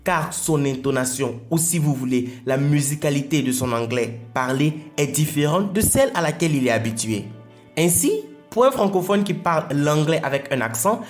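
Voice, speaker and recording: A man explaining an English lesson in French, patient and repeating his points for emphasis. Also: mid-range voice. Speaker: English teacher.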